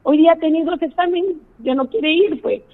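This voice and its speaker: Indignant woman on a tinny phone line. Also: extremely high pitch. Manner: indignant, pleading, rapid storytelling. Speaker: caller. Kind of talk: phone-in complaint on radio.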